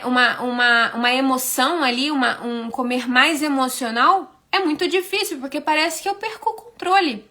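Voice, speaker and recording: A woman's voice: sits high, sharp tone. A woman with a Brazilian Portuguese accent giving an explanatory live talk over a phone stream. She asks herself rhetorical questions and keeps tagging her points with short checks. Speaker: host explaining compulsive eating. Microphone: phone on a social media live stream.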